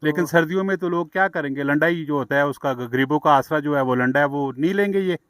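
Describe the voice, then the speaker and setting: High-voiced Pakistani man quizzing stallholders. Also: fast, fairly bright tone. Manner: repeats answers back as questions. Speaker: street interviewer. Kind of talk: vox-pop street interview. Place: outdoor street market.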